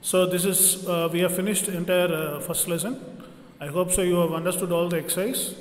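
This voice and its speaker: A man's voice: sits high, steady tone, brisk. A man teaching a grammar lesson, explaining step by step like a classroom teacher. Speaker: French teacher. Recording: echoey room with long reverb.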